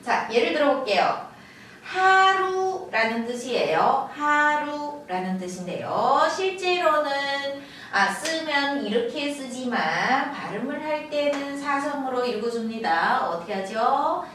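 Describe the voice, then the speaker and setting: A high-pitched woman teaches slowly and patiently. She draws out model syllables and repeats them. Her voice rings in a very echoey room, a little back from the microphone. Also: lively intonation, a bit bright, distant mic, a little hiss or hum. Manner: slow, drawn-out model pronunciations with repeated syllables. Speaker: Chinese language teacher. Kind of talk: Chinese tone lesson in Korean.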